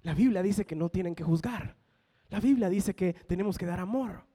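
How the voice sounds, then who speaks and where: A young man gives a sermon from the pulpit, his voice set fairly high. He builds his points with rising emphasis and briefly acts out the people he quotes. The sound carries a long church reverb. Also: normal speed, mellow, husky. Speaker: pastor.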